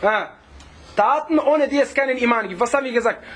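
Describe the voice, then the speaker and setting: A man teaching a religious lesson, reciting Arabic passages rapidly and then explaining them again and again with rhetorical questions to the class. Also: extremely high pitch, a bit bright, slight background noise.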